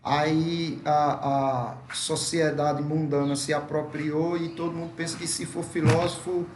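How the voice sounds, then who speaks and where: Brazilian church leader, man, fairly high voice, measured pace, keeps checking in with his listeners; faint noise behind. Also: reverberant. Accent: Brazilian Portuguese. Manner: unhurried, steady tag questions like "certo?" and "veja". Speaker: church leader leading a members' meeting. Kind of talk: casual meeting talk and short exhortation. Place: church meeting room.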